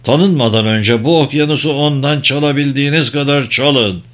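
A man playing a big, grizzled sea captain in an audiobook, speaking low, grave and measured. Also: fairly bright tone, close to an everyday voice. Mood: commanding. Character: big, stern, grizzled male ship captain.

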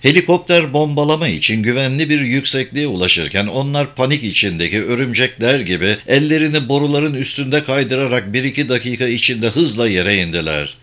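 Bright-toned male audiobook narrator. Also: medium pitch, lively intonation, brisk, few pauses. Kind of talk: scripted narration.

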